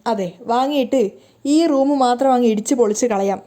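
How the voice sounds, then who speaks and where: A woman's voice: a little high, fairly quick, warm tone, lightly acted. A woman voicing an angry young man who demands action, in a serial recap. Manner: indignant and demanding.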